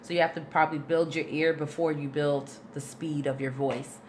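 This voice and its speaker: Reading viewers' questions during a relaxed livestream, this vocal coach answers in an informal, filler-heavy way and walks through each point patiently. She speaks at a moderate pace in a low, steady, slightly mellow voice, with a little hiss or hum.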